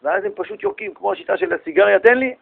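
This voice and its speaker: A man with a fairly high voice leads a religious class, spinning everyday anecdotes and briefly acting out the people in them. He talks in a lively, animated way, and the sound has the feel of a radio broadcast. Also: gravelly, narrow, tinny audio. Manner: animated storytelling, acts out little dialogues. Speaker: rabbi giving a Torah class.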